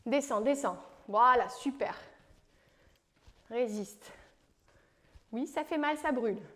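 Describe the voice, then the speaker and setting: A woman's voice: on the high side, slow pace, a bit bright. A woman from France coaching a home leg workout, calling out moves and counting reps with playful encouragement. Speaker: fitness coach. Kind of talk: guided home workout instruction.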